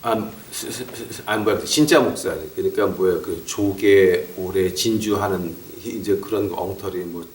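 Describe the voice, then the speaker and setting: A middle-aged man preaching a sermon as a pastor. He talks in an animated way, acts out relatives scolding him and drops short English phrases into his talk. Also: low-pitched, unhurried, hardly any pauses, slight background noise. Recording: roomy echo, mic far off.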